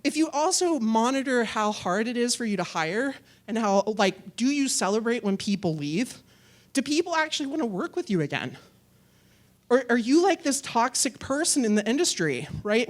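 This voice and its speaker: A woman's voice: a little high, sing-song, moderate pace. A woman speaking at a tech conference in a hall. Her delivery is casual and chatty, full of asides and little jokes for the audience. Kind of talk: conference talk and Q&A.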